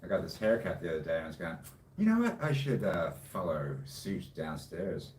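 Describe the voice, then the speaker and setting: A co-host who produces music as a hobby chats casually in a laid-back, rambling way, his voice low and brisk. The recording sounds roomy and distant, with faint background noise.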